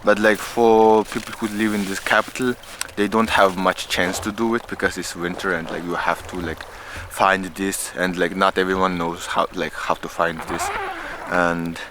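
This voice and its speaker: A man's voice: deep voice, flat delivery, moderate pace, few pauses, noisy background. A man from Mongolia explaining casually and hesitantly, leaning often on the filler "like". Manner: hesitant, frequent 'like' as a filler. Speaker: local guide explaining a tradition.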